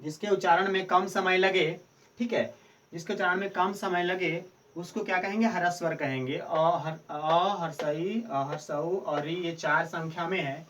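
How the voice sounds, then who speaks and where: A man's voice: high voice, fairly even intonation, normal speed, fairly bright tone, recorded from a distance, a little hiss or hum. A male teacher giving a Hindi grammar lesson, asking questions and answering them himself, repeating key answers. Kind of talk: Hindi grammar lesson for board exam students.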